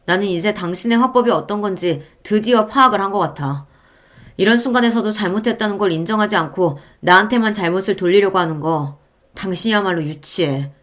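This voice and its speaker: A woman's voice: mid-range voice, a little fast, fairly bright tone, natural voice. A woman voicing a young husband who argues in a cool, cutting way.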